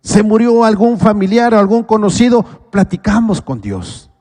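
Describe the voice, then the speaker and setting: A man with a Mexican accent preaches a sermon, his voice sitting a little high. He peppers it with rhetorical questions and moves between loud pleading and low, quiet asides. The long reverb of a church hall trails each phrase. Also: very animated, moderate pace, faint music behind. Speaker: pastor.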